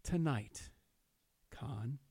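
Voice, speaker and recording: Speaking in a husky, dark-toned voice of medium pitch, this New Jersey podcast host draws out his words. He's in a studio, brash and jokey, swearing freely while reading plugs and chatting with guests, and there's no room sound.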